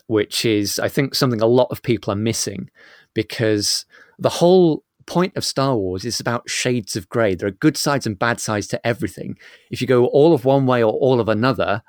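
Lively joking man in casual chat. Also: no room sound, studio quality. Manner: animated, joking, jumps into high exaggerated quotes. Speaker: podcast co-host. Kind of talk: casual chat about films.

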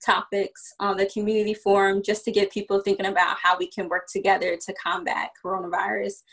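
This Virginia founder has a medium-pitched, level, slightly bright voice with some creak, and she talks fairly quickly. As a guest on a casual podcast interview, she explains things one step at a time, dropping in plenty of fillers.

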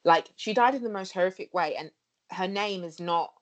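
A woman's voice: medium pitch, moderate pace. A young woman with a Cockney accent, co-hosting a casual podcast discussion, earnest and full of fillers and restarts. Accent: London Cockney. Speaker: podcast co-host.

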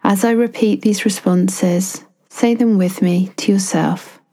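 A woman guiding a self-compassion meditation, speaking softly and soothingly with long pauses between phrases. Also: medium pitch, fairly even intonation. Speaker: meditation guide.

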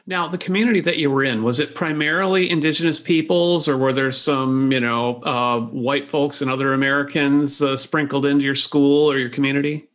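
A man's voice: mid-range voice, steady tone, fairly quick, hardly any pauses, fairly bright tone. A man hosting a podcast, steering his guest with friendly questions. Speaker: podcast host. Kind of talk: interviewing.

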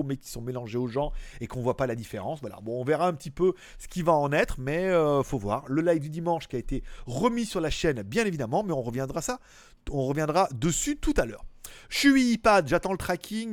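A man's voice: on the high side, darkish tone, no echo. A man hosting a daily tech live stream, chatting in a rambling, slangy way. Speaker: tech YouTuber host. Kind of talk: casual chat.

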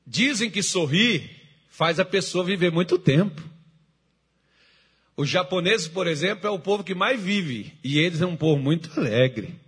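A middle-aged man preaching a sermon as pastor, moving from hushed storytelling to shouted exhortation. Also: sits high, animated, moderate pace, breathy edge.

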